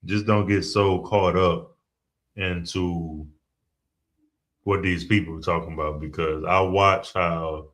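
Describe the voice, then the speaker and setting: A man with a lowish voice co-hosts a casual podcast. He sounds skeptical and wry, and he muses aloud in slow, drawn-out stretches. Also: steady tone, fairly bright tone. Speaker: podcast co-host. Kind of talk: casual chat.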